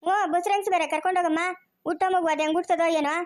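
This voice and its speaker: In a family comedy skit, an actress plays a quarrelsome, jealous village housewife with a rural Chikkaballapur Kannada accent. She rants and curses nonstop, shrill and rapid, though her voice itself has fairly even intonation and is a little mellow.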